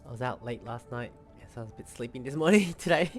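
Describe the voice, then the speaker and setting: A woman's voice: very deep voice, expressive, fast talker. A woman chatting casually as she reacts to a video game, informal and giggly. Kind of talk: casual chat, live game commentary. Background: game music.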